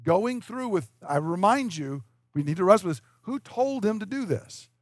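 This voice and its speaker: A man preaching a sermon as pastor, earnest, slowing down for emphasis and acting out the dialogue he quotes. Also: high voice, very animated, no echo, studio quality.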